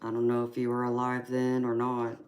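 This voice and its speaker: A woman in her forties from California hosts a relaxed livestream, chatting with viewers and laughing often between remarks. Her voice sits unusually deep and stays flat in tone. Steady background noise and card shuffling are heard behind her. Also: fairly quick. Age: 40s. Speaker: tarot reader and livestream host. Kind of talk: casual live chat reading viewer comments.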